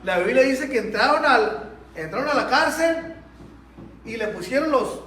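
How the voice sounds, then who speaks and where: Preaching a Sunday school sermon, this pastor from Mexico has an extremely high, pushed, bright voice and speaks expressively at a normal speed. He tells animated stories straight to the congregation, and the distant mic in the echoey church hall catches slight background noise.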